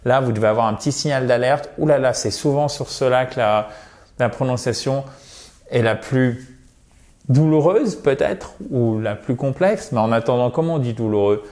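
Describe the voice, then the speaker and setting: A man teaching English vocabulary to French speakers in a chatty, joking way. He slowly repeats words to drill their pronunciation. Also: medium pitch, a little mellow. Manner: chatty, jokey, switches between French and English.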